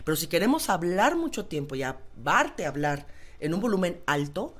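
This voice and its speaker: A woman's voice: fairly low pitch, sing-song, moderate pace. A woman phoniatrics specialist, explaining voice care with everyday examples in a talk show interview. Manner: didactic, uses everyday examples.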